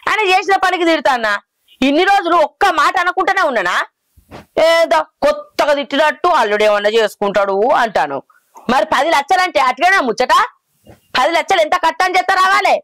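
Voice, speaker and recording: A woman's voice: sits high, lively intonation, brisk, fairly bright tone, dry recording. A middle-aged woman playing a stern village mother who scolds her son-in-law. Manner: scolding, indignant. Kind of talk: village short film acting.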